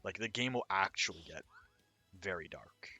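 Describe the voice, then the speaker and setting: Hoarse man, deep voice, bright edge, rambling game commentary. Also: expressive, normal speed, soft background music. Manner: rambling, explanatory, casual. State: hoarse, raw throat. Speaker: indie game developer. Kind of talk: let's-play commentary.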